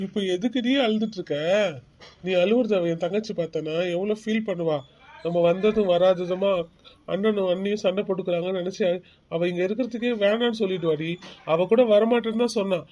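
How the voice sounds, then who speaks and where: A man's voice: high voice, fairly quick, warm tone, muffled recording, lightly acted. Man playing a stern bossy cartoon husband. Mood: coaxing. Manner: firm, bossy, lecturing. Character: stern husband defending his sister. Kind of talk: cartoon family drama acting.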